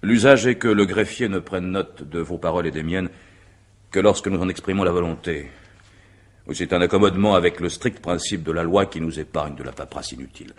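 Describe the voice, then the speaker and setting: The same low-voiced male actor voices a courteous, methodical examining magistrate for a radio mystery drama, his lines formal, measured, and legalistic. Here the mood turns measured and ironic.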